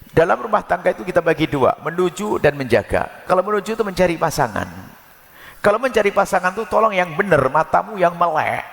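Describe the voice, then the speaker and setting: A man preaching a sermon, lively and expressive, sometimes acting out quoted couples. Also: vocal fry. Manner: animated, jumps between high and low pitch for emphasis, acts out quoted couples. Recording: long hall reverb.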